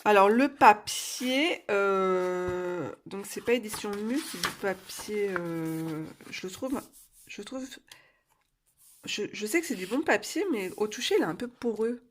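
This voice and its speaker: A woman's voice: mid-range voice, animated, a little slow, slight background noise. A woman, around her thirties, chatting casually as she colors, hesitant, with many fillers and restarts, cheerful and laughing easily. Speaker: coloring book YouTuber. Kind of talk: casual chat while coloring.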